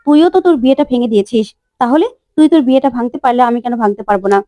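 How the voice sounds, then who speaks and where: Titli, a headstrong young bride who snaps and scolds in a high, quick voice, as a woman storyteller puts her on. She sounds mellow and dry, as in a retold TV serial. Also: lively intonation, no room sound, lightly acted. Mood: defiant. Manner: defiant, scolding, shouting demands. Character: headstrong young bride set on going abroad.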